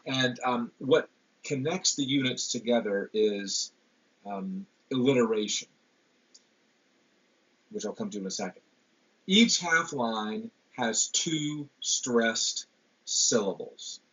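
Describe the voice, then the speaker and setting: A man giving a classroom literature lecture, pausing often with ums and repeated words. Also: medium pitch, fairly bright tone, breathy edge. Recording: dull lo-fi lecture recording.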